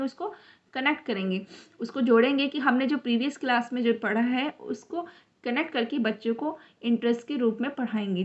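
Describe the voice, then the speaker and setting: A woman with a high voice teaches an online exam-prep lesson, walking through each question step by step. She reads the English question text out slowly and then explains it. The recording sounds dull and lo-fi. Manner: explains step by step, mixes English terms into Hindi.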